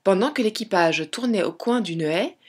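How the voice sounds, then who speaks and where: A woman reads a fairy tale aloud in a gentle, measured storybook style. Her voice sits at a medium pitch and has a soft, breathy grain. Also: expressive. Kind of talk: storybook reading.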